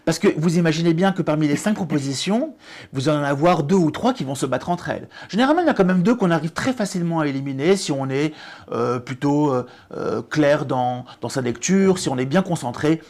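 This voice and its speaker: Man explaining with lively restarts. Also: a little high, brisk. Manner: hesitant restarts, lively emphasis. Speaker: test-prep director and author. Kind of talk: explanatory interview answers.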